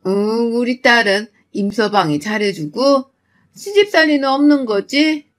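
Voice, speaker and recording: Brief: fierce middle-aged mother, voiced by a woman; loud and protective, slightly high. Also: expressive, unhurried. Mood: gentle.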